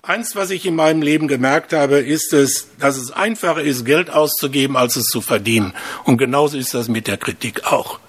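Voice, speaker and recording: A man preaching a sermon, telling stories with lively rhetorical questions. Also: mid-range voice, moderate pace, husky.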